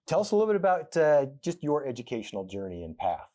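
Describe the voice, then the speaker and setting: A man's voice: a little high, sing-song, fast, warm tone. A man hosting an interview who welcomes his guest and encourages him with short affirmations. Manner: encouraging, with frequent short backchannels. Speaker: interview host. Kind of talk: conversational interview.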